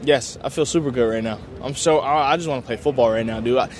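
A man's voice: medium pitch, fast, a crowd in the background. A young man, a college football player, answering media day questions in an enthusiastic, grateful, casual way with lots of filler words. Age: young adult.

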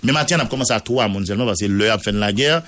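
A man's voice: lowish voice, rapid-fire, a bit bright. A man with a Haitian accent, a radio news journalist reading out a court order and a long list of names, mixing Creole into French. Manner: mixes Creole into French, reads long name lists.

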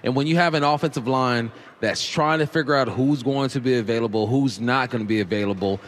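A man's voice: mid-range voice, a little fast. Hyped-up sports radio host, man. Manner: excitable, hype, joking. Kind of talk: live sports radio talk. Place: live show before a crowd.

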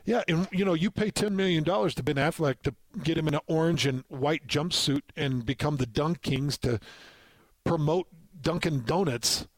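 Male sports radio co-host, fairly high voice, conversational commentary, dry sound. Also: normal speed, no echo.

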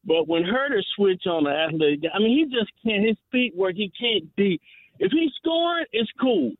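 A man's voice: sits high, sing-song, normal speed, no echo. Man calling in on a tinny phone line. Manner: loose slangy talk with stammered restarts. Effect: heard over a phone line. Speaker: radio call-in caller. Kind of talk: casual sports call-in chat.

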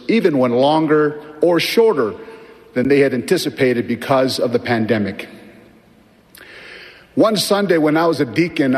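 An older man from Tonga giving a formal sermon as a church leader, speaking in a measured, earnest and gently humorous way. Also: medium pitch. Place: large conference hall with leaders seated behind. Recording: long reverb of a large hall.

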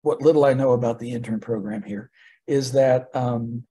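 An American man acts as a casual interviewer. His voice is dark and husky, and he phrases things haltingly, often doubling back on words. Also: medium pitch, fairly even intonation. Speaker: podcast host, interviewer.

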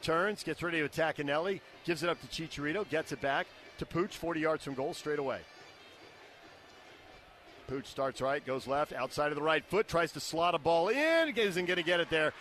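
An American man gives live play-by-play soccer commentary in short, clipped descriptions of the action over outdoor stadium noise. His voice is fairly high and a bit bright, at a moderate pace, with faint music behind it.

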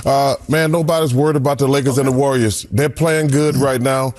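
A man's voice: mid-range voice, steady tone, fairly quick. A man in a played sports show clip, brash and slangy, ranting in a sing-song way. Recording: played clip over loud hip hop music.

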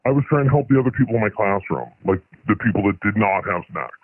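A man calling in anonymously through a voice changer, speaking hesitantly with many pauses and ums. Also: on the low side, lively intonation, husky, no room sound. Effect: voice changer disguising his voice. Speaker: anonymous caller. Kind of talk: confessional phone-in chat. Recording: tinny phone line.

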